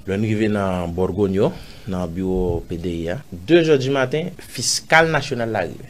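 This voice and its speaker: A man with a Haitian accent, an interview guest recounting a personal story, acting out other people's lines with sudden loud jumps and dropping to murmurs. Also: moderate pace, slight background noise. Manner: animated, acts out others' lines in raised voice; drops to low murmurs and whispers.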